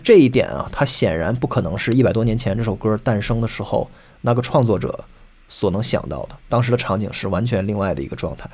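A man's voice: on the low side, animated, fast talker, a little mellow, breathy edge. A man hosting a solo podcast, explaining music at length and singing short snatches of songs to make his points. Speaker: podcast host.

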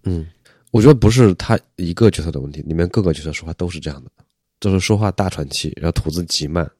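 A man's voice: low-pitched, fast, a little mellow, slightly rough, no echo, studio quality. A man co-hosting a podcast in casual chat, blunt and critical in a matter-of-fact way. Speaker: podcast co-host.

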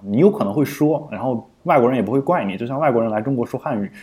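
Mellow-voiced man chatting on a podcast. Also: mid-range voice, lively intonation, racing. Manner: thinks aloud, frequent fillers and restarts. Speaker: podcast co-host. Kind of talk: casual explanatory chat.

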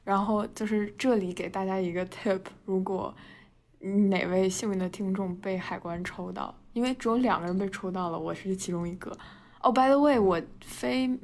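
A Chinese woman in her twenties co-hosts a podcast, telling stories in a casual chat. Her voice sits at medium pitch and moves at a moderate pace. She laughs often, pads her speech with fillers and slips in English words.

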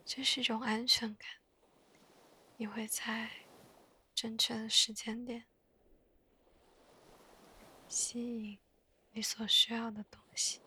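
A woman chatting in a soft, breathy whisper for bedtime listening, hushed and gently unhurried, close to the mic. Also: on the high side, little pitch movement, a little hiss or hum. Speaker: host of a bedtime podcast.

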